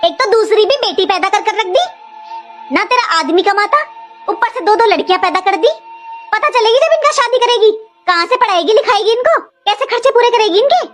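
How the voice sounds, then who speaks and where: A woman voicing Hindi cartoon family comedy dialogue, in a sharp scolding way. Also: extremely high pitch, lively intonation, brisk, faint music behind. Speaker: cartoon voice artist doing all family roles.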